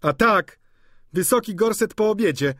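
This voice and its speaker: A man voicing a pert young female servant with a high, cheeky way of talking. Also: expressive, moderate pace, a bit bright, dry recording, studio quality.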